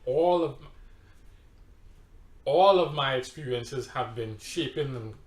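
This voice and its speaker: In a roomy, echoing recording, a Trinidadian-accented pastor talks slowly at medium pitch as he relates his personal testimony in conversation. He is emphatic and tells it like a story, sometimes repeating his words.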